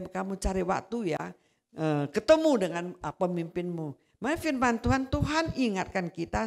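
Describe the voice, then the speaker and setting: A woman with a medium-pitched voice preaches a sermon, sharing her personal testimony conversationally. She becomes animated whenever she retells quarrels.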